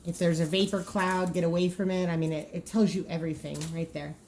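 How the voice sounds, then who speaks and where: A woman's voice: lowish voice, fairly even intonation, fairly quick, a little mellow, a little hiss or hum. A woman giving an informal walkthrough as a trainer, practical and explanatory, often thinking aloud. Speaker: trainer presenting draft dispatcher training cards.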